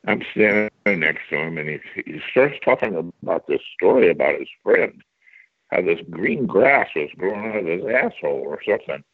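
Deep, gravelly man on a phone line. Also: expressive, no room sound. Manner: profane, rambling, halting. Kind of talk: casual anecdote telling. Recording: thin phone-line audio.

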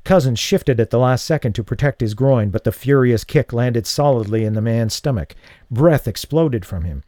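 A man giving a dramatic audiobook narration of a thriller, measured and slowing for tense beats. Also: mid-range voice, animated, mellow, dry recording. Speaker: audiobook reader.

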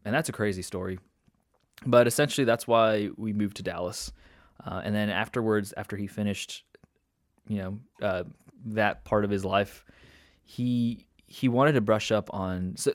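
A young Indonesian-born man, his voice on the low side, chats casually as a guest, rambling with fillers and restarts and laughing often. The recording is dry, with clean studio sound.

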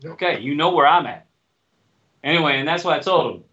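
A man's voice: a little high, a little fast, bright, forceful tone. A man hosting a casual podcast chat, talking bluntly and swearing freely. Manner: blunt, profane, straight-talking. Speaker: podcast host. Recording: dull lo-fi recording.

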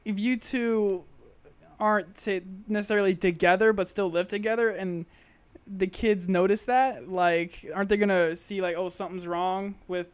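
A soft-spoken man joins a casual podcast chat as a guest, his voice smooth and resonant. He keeps to short replies and the odd question. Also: sits high, fairly even intonation, moderate pace.

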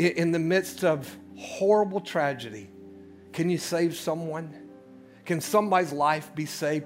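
This sermon comes from a male preacher who lets repetition drive the build, swinging his voice from soft, low murmurs up to forceful shouting.

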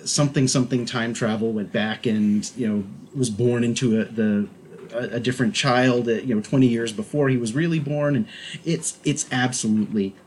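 A man co-hosting a podcast in casual chat, rambling and animated, with many restarts and fillers. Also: mid-range voice, moderate pace, a little hiss or hum. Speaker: podcast co-host.

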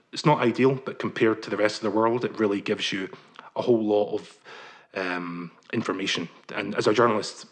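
A man with a husky, slightly low voice. He is a journalist working through detailed answers, careful and measured, filling his pauses with ums. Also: a bit bright. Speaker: journalist guest. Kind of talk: interview answers.

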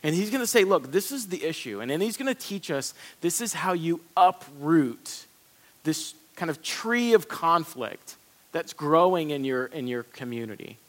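A man's voice: a little high, very animated, moderate pace, fairly bright tone. A man preaching a conversational sermon, earnest, often repeating and restarting his words. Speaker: pastor.

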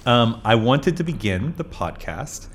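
A man's voice: medium pitch, very animated, unhurried, soft background music. A man hosting a podcast interview, reading an introduction and then asking hesitant questions full of fillers. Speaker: podcast host.

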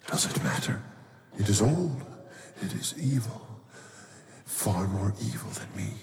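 A man voicing a sly, inhuman shadow creature that coaxes in a hushed, half-whispered way. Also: fairly low pitch, animated, a little slow. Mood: coaxing menace. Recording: long hall reverb with clear noise.

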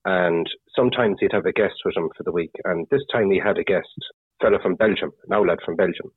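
Husky low-voiced man with Galway accent. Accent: Galway, west of Ireland. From west of Ireland. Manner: rambling, halting, peppered with "you know" and "you see". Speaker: fishing guide (gillie) interviewed as guest. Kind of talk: casual anecdotal storytelling. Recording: tinny phone-like radio sound, roomy echo.

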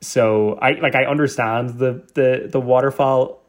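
A man's voice: mid-range voice, steady tone, a little slow. A young Irish man with a Donegal accent, chatting casually in a wry, joking way. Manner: joking, wry, frequent 'like'. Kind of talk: casual chat.

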